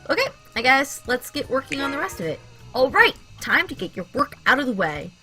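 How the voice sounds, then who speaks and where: Lively woman streamer reading game text. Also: sits high, a little fast, faint music behind. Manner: jokey, teasing, animated asides. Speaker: let's play streamer.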